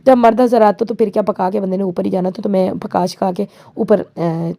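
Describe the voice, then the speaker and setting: Chatty mom doing a cooking vlog voiceover, warm mellow voice, rambles on. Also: female voice, mid-range voice, steady tone, normal speed, vocal fry. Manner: chatty, rambling, sprinkles in English words. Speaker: home cooking vlogger and mother. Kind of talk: casual cooking vlog voice-over.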